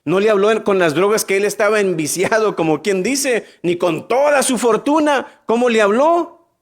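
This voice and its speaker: High-voiced preacher, lively questions. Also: male voice. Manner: acts out biblical dialogue in quick voices, asks the congregation questions. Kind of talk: sermon.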